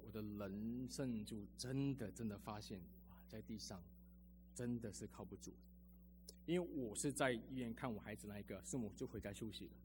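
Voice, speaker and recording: A man's voice: mid-range voice, a little hiss or hum. A man preaching a sermon as a pastor, telling personal stories in a chatty way with lots of sentence-final particles.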